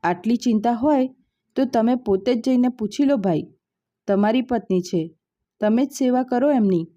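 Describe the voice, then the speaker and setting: A bitter, sharp-tongued young daughter from a storybook, as a woman narrator acts her out. Her retorts come out snappish, with a dark tone and a slightly muffled sound. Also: on the high side, normal speed, natural voice. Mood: angry. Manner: angry, snapping.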